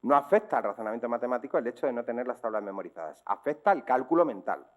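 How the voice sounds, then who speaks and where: Spanish man lecturing teachers and parents, didactic, mid-pitched, keeps checking in with the audience. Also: expressive, rapid-fire. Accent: Spanish from Spain. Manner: didactic, checks in with rhetorical questions. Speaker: speaker on dyslexia. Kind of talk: public talk to teachers and parents.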